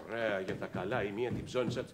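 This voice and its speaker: An actor playing a flustered, scheming father and radio host in a sitcom, talking in an animated, theatrical way. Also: lowish voice, background noise, lightly acted. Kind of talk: sitcom acting.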